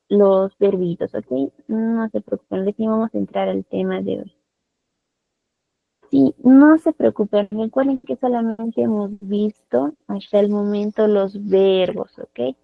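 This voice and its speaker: A woman's voice: medium pitch, measured pace, gravelly, hardly any pauses, dry recording. A woman with a Peruvian Spanish accent, teaching a live online English class and explaining patiently with lots of repeated tag questions. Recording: dry, phone-like online call audio.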